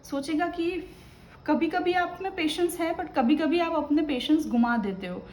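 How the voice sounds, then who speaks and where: A woman's voice: sits high, normal speed, darkish tone, roomy sound, a little hiss or hum. Chatty woman giving a tarot reading. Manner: chatty and advising, often tagging "ठीक है ना". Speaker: tarot reader. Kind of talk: casual spoken tarot reading.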